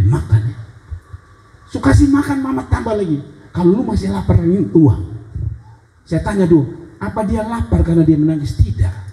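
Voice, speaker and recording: A male pastor preaching a sermon in a lively, animated style, with wide swings in his delivery. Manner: animated preaching with big pitch swings and acted child cries. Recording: echoey church hall.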